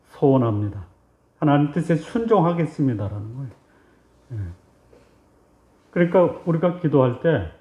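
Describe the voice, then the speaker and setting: Korean pastor preaching in a roomy church. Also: male voice, fairly high pitch. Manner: asks the congregation questions and answers them himself; acts out God and the believer in short dialogues. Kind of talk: sermon. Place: church sanctuary. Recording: roomy, slightly dull church recording.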